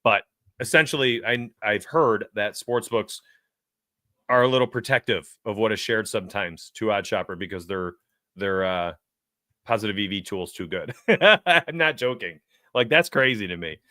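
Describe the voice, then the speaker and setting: Animated, bright-voiced man hosting a betting stream. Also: on the low side, normal speed, dry recording, clean studio sound. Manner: animated, rambling, chuckles often. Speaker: sports betting show host. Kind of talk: casual livestream talk.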